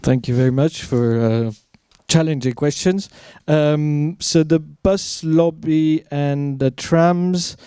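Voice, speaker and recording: A man answering audience questions as an academic speaker, phrasing his thoughts deliberately with pauses. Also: fairly high pitch, steady tone, dark tone, clean tone, no room sound, clean studio sound.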